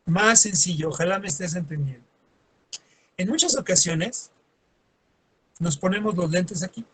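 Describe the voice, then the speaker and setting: A man's voice: high-pitched, animated, normal speed, a bit bright, breathy edge. A man teaching a lesson, acting out everyday scenes in quoted voices and adding sarcastic asides. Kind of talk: classroom lecture.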